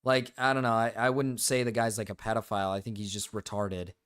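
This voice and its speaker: A young man giving casual reaction commentary as a streamer, halting and repeating himself as he goes. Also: on the low side, level tone, fairly bright tone, smooth.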